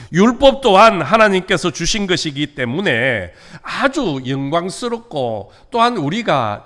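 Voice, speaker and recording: Korean pastor with a lively, rising delivery. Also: male voice, fairly high pitch. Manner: rising on key words, dropping to soft sentence endings. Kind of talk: sermon. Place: church sanctuary.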